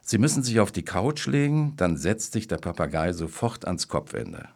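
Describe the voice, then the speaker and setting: A man voicing a knowing, smooth-talking male pet shop clerk in a read-aloud story. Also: low-pitched, very animated, moderate pace, a little mellow, exaggerated voice.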